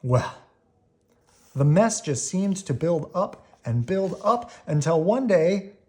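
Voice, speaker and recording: This storybook reader has a mid-range voice and gives an expressive read-aloud for children. Key words get leaned on and drawn out for emphasis.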